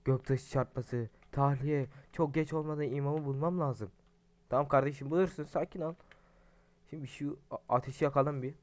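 A young adult man giving casual, profane, excitable commentary while playing a game and talking to his viewers. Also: fairly high pitch, moderate pace. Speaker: gaming streamer. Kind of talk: casual let's-play commentary.

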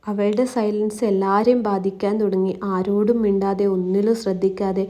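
A woman narrating a family drama story, reading it out in a calm, even storytelling manner. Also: medium pitch, moderate pace.

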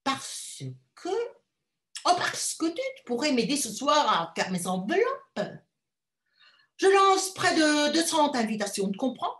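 A woman voicing a shrill, domineering wealthy mother who scolds loudly in a high voice. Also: big pitch swings, slow, roomy sound, heavily acted. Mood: scolding. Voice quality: loud, high-pitched, scolding.

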